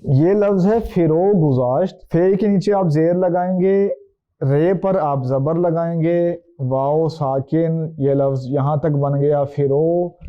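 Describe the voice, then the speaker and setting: A man with a Pakistani Urdu accent teaching an exam-prep lesson, slowly spelling out each letter and its vowel mark. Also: on the high side. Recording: dull lo-fi recording.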